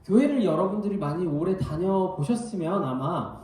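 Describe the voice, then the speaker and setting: A man preaching a sermon as pastor, telling everyday stories in an animated way. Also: high-pitched, normal speed, slight background noise. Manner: animated storytelling with anecdotes. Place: church hall. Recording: very echoey hall, mic at a distance.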